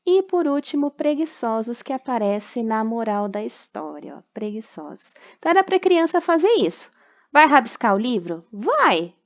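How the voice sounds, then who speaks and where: A Brazilian woman, a primary school teacher, patiently walks parents through homework answers, checking in often and spelling out words slowly syllable by syllable. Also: a little high, sing-song, highs cut off. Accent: Brazilian Portuguese. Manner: patient, explanatory, frequent check-ins, slow syllable-by-syllable dictation. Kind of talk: recorded lesson correction for parents. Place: at home during quarantine.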